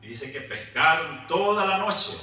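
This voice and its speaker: A man preaching a sermon, often adding "right?" and praise asides, with halting repeated words. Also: a little high, lively intonation, pushed and bright, faint music behind. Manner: frequent "¿verdad?" and "gloria a Jesús" asides. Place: church hall. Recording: echoey church, mic at a distance.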